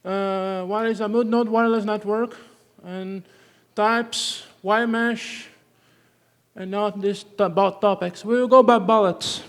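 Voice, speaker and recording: A Brazilian man, a native Portuguese speaker with a Brazilian accent, gives a technical conference talk in a high, clear, resonant voice with fairly even intonation. He speaks haltingly, often breaking off and restarting words and tagging lines with "okay", and hall reverb surrounds him.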